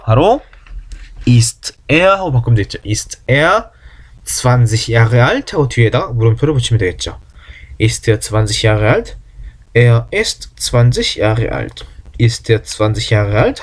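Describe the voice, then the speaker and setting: A man giving an online German lesson, his pitch moving freely over a mid-range voice. He explains at a brisk clip, then says the German words slowly and clearly. He keeps asking his listeners questions. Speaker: German language teacher.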